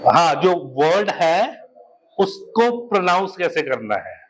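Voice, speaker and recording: A man's voice: fairly high pitch, big pitch swings, a little hiss or hum, poor audio. A male teacher lecturing a class, switching between Hindi and English and spelling out key words for his students to write down. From India. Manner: mixes Hindi and English, slows right down to dictate and spell out words. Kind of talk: classroom lecture, dictating notes.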